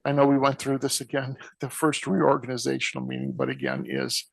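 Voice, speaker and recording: A man's voice: mid-range voice, big pitch swings, brisk, gravelly, dry recording. A man serving as a township official, explaining plans at a meeting in a rambling way. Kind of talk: meeting discussion.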